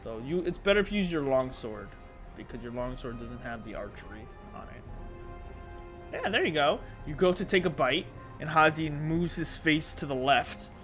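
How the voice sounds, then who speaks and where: Higher-voiced man running a tabletop game over music. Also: lively intonation, normal speed, fairly bright tone. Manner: playful, dramatic storytelling with casual swearing. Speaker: game master. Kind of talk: narrating and refereeing a tabletop role-playing game. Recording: music playing clearly behind the voice.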